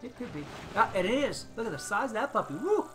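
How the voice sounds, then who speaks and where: A man's voice: high voice, very animated, quick pace, music in the background. A man giving casual, chatty commentary on his own gameplay, thinking aloud and chuckling often as he plays. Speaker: gaming channel host.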